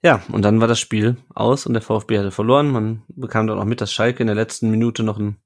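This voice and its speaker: A man's voice: lowish voice, steady tone, fast talker. A man hosting a casual football podcast, chatting with his co-hosts and reading listener comments aloud. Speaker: podcast host.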